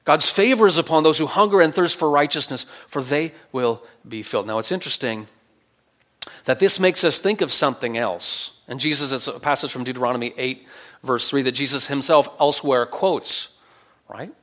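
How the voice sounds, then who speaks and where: This man's mid-range voice moves at a moderate pace as he preaches through scripture. Reading passages and explaining them in a conversational tone, he raises questions and answers them, shifting from forceful phrases to quieter side remarks.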